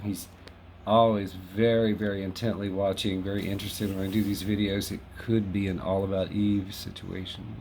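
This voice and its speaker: A man's voice: lowish voice, darkish tone, a little hiss or hum. Chatty wry man in his fifties. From Los Angeles. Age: 50s. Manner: chatty, wry, self-deprecating. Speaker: host. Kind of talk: casual monologue to camera. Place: home in West Hollywood.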